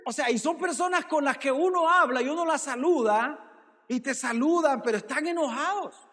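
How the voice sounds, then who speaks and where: A man's voice: very high voice, moderate pace, bright, forceful tone, big-room sound. A male pastor preaching a sermon, calling out "brother" and asking rhetorical questions. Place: church.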